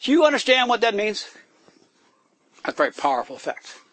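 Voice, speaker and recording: At a church gathering in the woods, a man preaches to his congregation, breaking into emphatic bursts and firing questions at them. His high voice is very animated, fairly quick and a bit bright, recorded dry.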